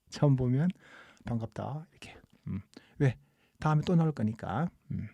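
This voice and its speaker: This is a relaxed, podcast-like English lesson from a man who hosts a teaching channel. He speaks at a medium pitch with no echo, patiently and calmly explaining as he lingers on each example sentence.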